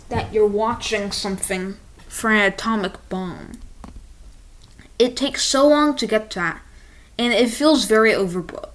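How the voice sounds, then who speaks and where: A woman reviewing and ranking movies in a casual vlog, talking excitedly and directly to viewers with rambling asides. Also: fairly high pitch.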